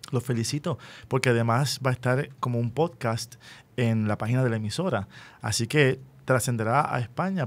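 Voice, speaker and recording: Speaking with deliberate care, this mid-range-voiced radio host, who also works as a school educator, runs an unscripted interview in a Puerto Rican accent. He keeps checking in with brief rhetorical questions.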